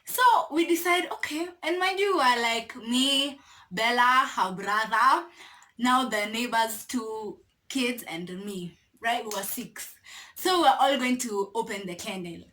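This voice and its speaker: A young Kenyan woman telling a casual storytime to her camera, animated and laughing, dropping Swahili slang into her English. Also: fairly high pitch, unhurried. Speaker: vlogger.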